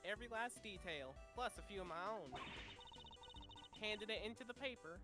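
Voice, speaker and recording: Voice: mid-range voice, expressive, normal speed, over music, voice pushed up, natural voice. A streamer voicing a brash southern woman photojournalist with a put-on Southern drawl, reading game dialogue aloud. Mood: folksy. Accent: put-on American Southern. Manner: drawling, folksy.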